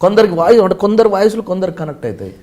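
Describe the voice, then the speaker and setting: A man, a mimicry artist chatting casually as an interview guest in a lively, animated way. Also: high-pitched, very fast. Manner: animated, lively explaining, breaks into impressions.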